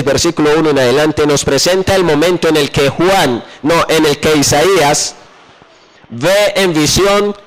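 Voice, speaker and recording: A man preaching a sermon, often pausing mid-verse to ask his listeners what comes next and slowing down to drop low on key phrases. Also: rough recording. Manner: asks the congregation questions and pauses for answers.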